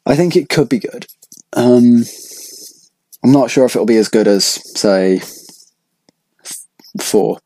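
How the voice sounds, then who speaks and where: A man's voice: mid-range voice, slow, pauses often, warm tone, dry recording. A young man hosting a casual podcast, rambling with lots of filler words. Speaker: podcast host. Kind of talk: casual chat.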